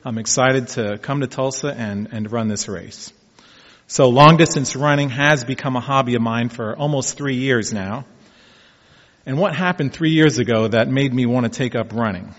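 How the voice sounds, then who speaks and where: A man's voice: medium pitch, normal speed. A man in his fifties talking casually about taking up marathon running, telling his story in a folksy, reflective way. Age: 50s. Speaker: amateur marathon runner. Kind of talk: casual personal vlog talk. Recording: dull echoey room sound.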